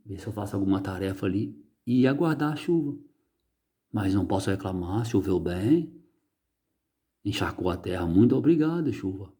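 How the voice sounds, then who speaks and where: Emphatic man preaching. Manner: emphatic, rising and slowing on key words; soft, low and quiet when closing. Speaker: religious teacher. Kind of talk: reading and preaching on religious writing.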